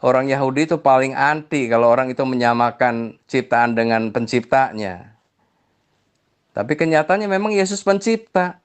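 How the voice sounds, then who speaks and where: A man's voice: mid-range voice, moderate pace, clean tone. Chiding man explaining his faith. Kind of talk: religious debate voice notes.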